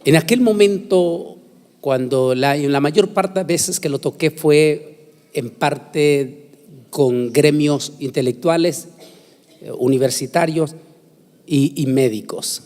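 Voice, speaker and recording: This preacher's voice sits on the high side and is a little mellow as he gives a solemn, emphatic conference sermon with deliberate phrasing. He reads scripture and prays before a congregation in a large, echoey hall with long reverb.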